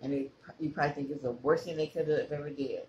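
A man's voice: on the high side, fairly even intonation, fast, a little mellow, lo-fi sound. Man talking while chewing, echoey room. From California. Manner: chatty, asks viewers questions. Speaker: mukbang vlogger. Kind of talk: casual talk to camera. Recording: echoey room with faint ambient noise.

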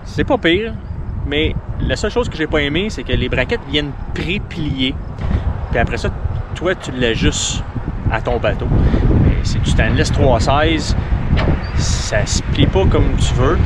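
Laid-back québécois man in a boatyard. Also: mid-range voice. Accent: Quebec French. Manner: relaxed, chatty, with frequent fillers and restarts. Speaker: sailing vlogger. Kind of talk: casual how-to vlog. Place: outdoors on a sailboat in a boatyard. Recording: noisy outdoor ambience.

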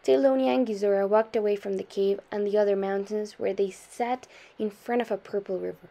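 A young adult woman reading a short story aloud in a steady storytelling manner, softening her voice for quoted lines. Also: medium pitch, a little fast, vocal fry. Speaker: student reader.

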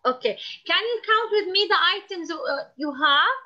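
A woman's voice: extremely high pitch, expressive, normal speed, sharp tone. A woman teacher teaching a young child to count in an online class, encouraging, with short simple prompts and repeated words. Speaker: kindergarten maths teacher. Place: video call. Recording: muffled online class audio.

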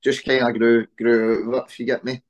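Man, early 20s, Scottish accent, interview guest, relaxed, mid-pitched voice, webcam mic. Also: brisk. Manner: relaxed, many "eh" fillers. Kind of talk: casual interview chat. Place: small room at home on a video call.

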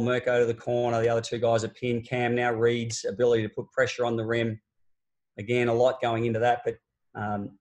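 Male basketball coach, 40s, explaining plays over a webcam call, casual and explanatory with frequent ums. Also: mid-range voice. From Australia. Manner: conversational, explanatory, frequent fillers and restarts. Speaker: basketball coach presenting a clinic. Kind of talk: online coaching clinic talk over game video. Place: small office at home. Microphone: laptop webcam on a video call.

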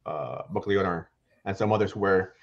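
A man's voice: low-pitched, normal speed, highs cut off. A middle-aged man with a Puerto Rican accent, a guest baseball writer talking animatedly over a headset on a video call. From Puerto Rico. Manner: animated, restarts phrases often. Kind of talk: casual video-call interview. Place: small home room with shelves.

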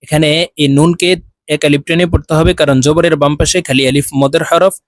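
A man with a Bangladeshi accent teaching Quran reading, slowly spelling out syllables and drawing out each sound. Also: on the high side, fairly even intonation, no room sound. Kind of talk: slow spelled-out recitation lesson.

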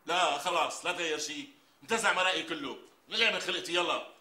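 A man's voice: fairly high pitch, quick pace, pushed and bright, reverberant, a little hiss or hum. An actor playing an irritable, bossy man with a Damascene Syrian accent, barking curt, insulting orders. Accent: Damascene Syrian Arabic. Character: irritable, bossy man grumbling about cold coffee.

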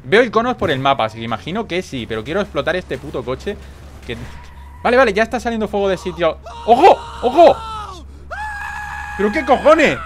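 A young man from Spain with a Castilian accent reacts to a game as he plays. His voice sits fairly high and swings widely up and down. He bursts into exclamations and swears freely. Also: slight background noise. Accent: Spain Spanish. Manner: excitable, swearing, quick exclamations. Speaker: gaming YouTuber. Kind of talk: gameplay commentary.

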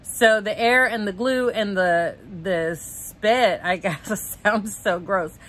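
A woman's voice: medium pitch, slow pace, fairly bright tone. A middle-aged woman with loose, clicking dentures, chatting candidly to camera at home with a finger on her lips. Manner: chatty, candid, self-deprecating. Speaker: vlogger. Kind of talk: casual chat to camera. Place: home, indoors, dim lighting.

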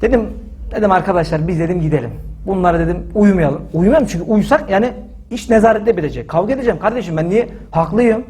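A man telling a story in casual talk, animated and indignant, acting out the lines of the people in it. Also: high-pitched, slight background noise. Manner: animated, acts out quoted dialogue with frequent "dedim"; indignant and emphatic.

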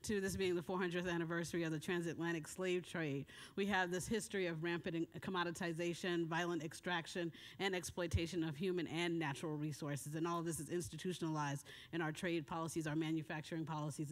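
A woman giving a conference talk with slides in a hotel meeting room, rushing through her points and laughing at herself often. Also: fairly low pitch, steady tone. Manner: hurried, self-deprecating, laughs often. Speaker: conference speaker.

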